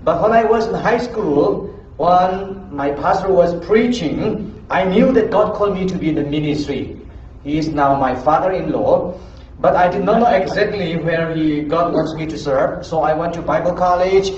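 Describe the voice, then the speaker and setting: A man from Myanmar with a Burmese accent and non-native, somewhat halting English, giving a missionary testimony to a church congregation. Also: on the high side, darkish tone. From Myanmar, Chin State. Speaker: missionary preacher, guest speaker. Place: indoors in an echoey church. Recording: echoey room, dull muffled sound, faint noise.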